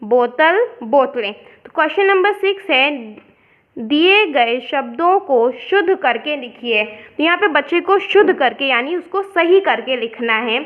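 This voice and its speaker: Woman teacher from India, explains step by step, high voice, muffled lo-fi audio. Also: expressive, measured pace. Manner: explains step by step, mixing in English words. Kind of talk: worksheet explanation lesson. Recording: dull lo-fi sound.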